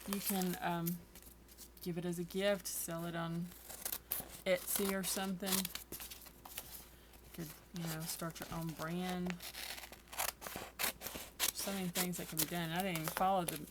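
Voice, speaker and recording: A woman's voice: on the low side, little pitch movement, measured pace, pauses often, noisy background. A tired woman chatting casually through a craft tutorial, rambling and poking fun at herself. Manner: chatty, self-deprecating, rambling. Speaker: craft vlogger.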